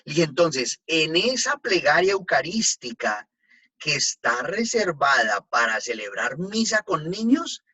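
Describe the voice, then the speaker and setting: A man, a priest, giving a relaxed talk on liturgy to a group and taking their questions, checking in often with his listeners. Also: medium pitch, husky, poor audio. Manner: conversational, checks in with "¿no?" and "pues". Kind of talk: informal teaching talk with audience questions.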